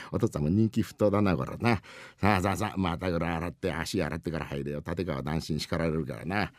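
Male rakugo teller voicing a bumbling Edo husband, gruff slang, dry close sound. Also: sits low, brisk, no room sound, pitched below the performer's own voice, natural voice. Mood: boisterous. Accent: Edo Tokyo downtown speech. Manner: gruff, blustering, rough slang. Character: hasty, bumbling working-class Edo husband. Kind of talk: rakugo storytelling.

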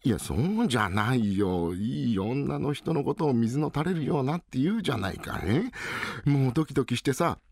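A man's voice: mid-range voice, very animated, moderate pace, creaky, darkish tone. A man in a rakugo storytelling voicing a bashful, lovesick young merchant's son who talks in a shy, whiny way. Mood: dreamy.

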